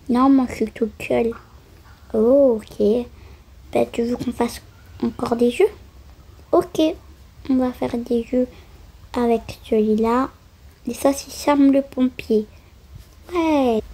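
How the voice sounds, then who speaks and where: A woman acting out a doll-play story, switching quickly between the lively voices of many children and grown-ups. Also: a little high, slightly rough. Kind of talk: acted-out doll play voicing many characters.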